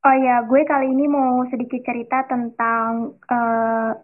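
A woman's voice: a little high, little pitch movement, a little slow. A young woman hosting her own podcast, telling a personal story in chatty slang and speaking straight to her listeners. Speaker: podcast host. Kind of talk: casual solo podcast chat. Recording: tinny phone-like sound.

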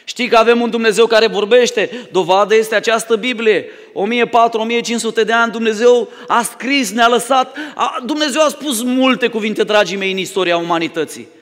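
Brief: male pastor, high pitch, dramatic sermon delivery from loud to hushed, echoing church hall. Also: hardly any pauses. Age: adult, married. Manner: dramatic storytelling, swings from loud calls to hushed tones.

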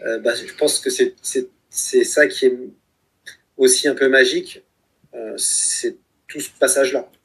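A man's voice: mid-range voice, steady tone, unhurried, creaky, husky. A man in his thirties talking reflectively in a conversation, with many hesitations and restarts. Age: 30s. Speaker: guest, author of a book project.

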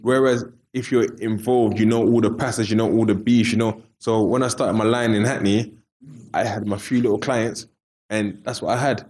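Low-voiced London roadman telling stories. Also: steady tone, normal speed, darkish tone. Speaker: interview guest. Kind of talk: casual storytelling in street slang.

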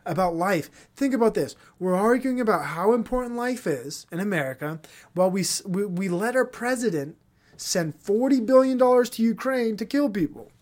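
A man's voice: high voice, animated, normal speed. A young man hosting a solo podcast, ranting in a profane, heated way, then trailing off into mumbles. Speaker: podcast host.

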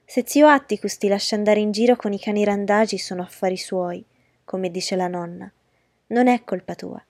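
A woman's voice: mid-range voice, normal speed, darkish tone, dry recording, clean studio sound, lightly acted. A woman voicing a spiteful boy cousin who taunts and whines, in a storybook reading. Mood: taunting. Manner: jeering, whining.

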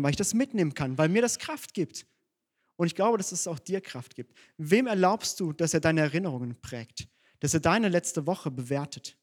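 Mann predigt ernst und direkt. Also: male voice, a little high. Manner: direct, earnest preaching addressed to the congregation. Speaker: pastor. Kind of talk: sermon. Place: church.

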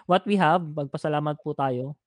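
A Filipino man hosting a casual talk show, speaking earnestly and haltingly to listeners. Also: on the high side, dry recording, clean studio sound. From Philippines. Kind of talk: casual chat with listeners, Tagalog mixed with English.

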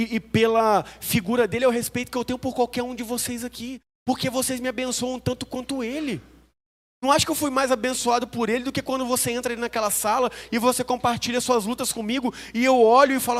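A man with a Brazilian Portuguese accent, a pastor preaching a sermon in a church hall, telling stories in an animated, humorous, self-mocking way. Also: extremely high pitch. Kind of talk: storytelling sermon.

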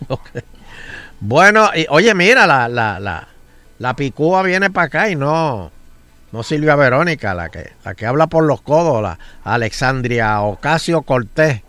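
A Puerto Rican man hosts a casual talk radio show with a very animated delivery. His pitch swings widely as he rambles, stammers and repeats his words. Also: unhurried, no echo.

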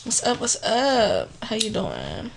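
Lively chatty woman co-host. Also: a little high, takes it slowly, gravelly, slight background noise. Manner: laughing, rambling, animated storyteller. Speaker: podcast co-host. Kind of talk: casual chat.

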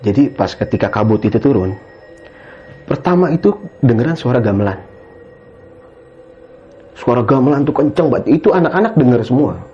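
This man's mid-range, dark-toned voice moves at a moderate pace with lively intonation and long pauses, faint music playing behind. As a guest telling a story casually, he rambles, keeps adding "gitu ya kan," and calls the listener "Bang," over dull lo-fi audio.

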